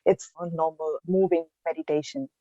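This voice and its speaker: A woman from India, a podcast guest, answering in an earnest, reflective way with pauses and restarts. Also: deep voice, steady tone, mellow, dry recording, lo-fi sound. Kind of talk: casual interview answers.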